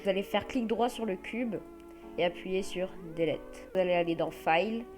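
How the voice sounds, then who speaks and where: A woman with a French accent hosting a casual software tutorial, explaining step by step with many hesitant fillers. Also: medium pitch, moderate pace, over music. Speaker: tutorial host.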